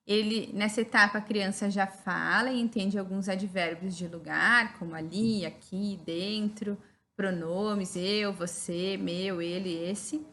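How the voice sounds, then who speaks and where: A woman's voice: mid-range voice, fairly even intonation, measured pace, fairly bright tone. A woman with a Brazilian Portuguese accent giving a recorded teaching lecture, explaining step by step and often checking in with "né?". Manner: didactic, frequent "né?" tag questions.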